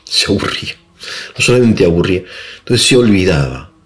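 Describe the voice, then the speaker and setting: Low-voiced man giving a philosophy talk. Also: lively intonation, fairly quick. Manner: conversational, often adds tag questions; digressive with frequent fillers. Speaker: philosophy lecturer. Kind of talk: informal philosophy lecture.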